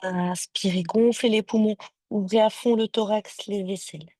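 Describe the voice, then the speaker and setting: A woman yoga teacher giving calm step-by-step cues and breath counts to a class over a video call. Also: mid-range voice, moderate pace, no room sound. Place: home or studio, streamed on a video call. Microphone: video call microphone.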